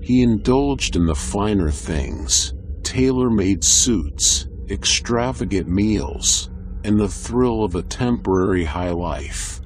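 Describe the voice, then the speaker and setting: Slow, low-voiced male story narrator. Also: lively intonation, a little mellow, slight background noise. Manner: measured and descriptive. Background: faint background music.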